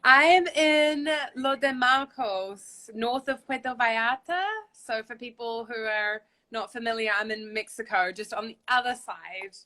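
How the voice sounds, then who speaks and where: A New Zealand woman, a spiritual guide, chats as a guest on a video call from a hammock outdoors, upbeat and chatty and saying "like" a lot. Her voice is a little high and a little slow, with a sharp tone and few pauses.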